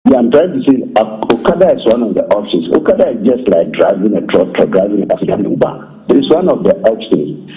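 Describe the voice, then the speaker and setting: A man, phoning into a radio show to give his view in an earnest, animated way that repeats its points, heard through a phone line. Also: fairly low pitch, fast. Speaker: radio call-in caller. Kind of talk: call-in opinion. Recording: muffled phone line with faint hiss.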